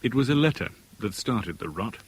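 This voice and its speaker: In a 1970s British radio drama, an actor narrates in the first person as a wry, orderly merchant banker in his forties who has been sacked. He speaks British English in a lowish voice with lively intonation, sounding measured, formal, articulate, wry, and reflective. The period radio recording carries faint background noise.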